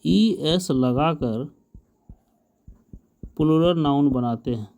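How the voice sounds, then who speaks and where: A man's voice: fairly high pitch, dark tone. A man teaching English grammar, spelling out each word letter by letter and asking questions as he goes. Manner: patient, spells letters slowly and asks the class questions. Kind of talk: slow grammar lesson, spelling out words.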